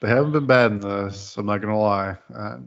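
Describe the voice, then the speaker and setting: A man co-hosting a casual podcast chat, talking in a relaxed, offhand way. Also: fairly low pitch, fairly quick, clean tone, lo-fi sound. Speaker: co-host.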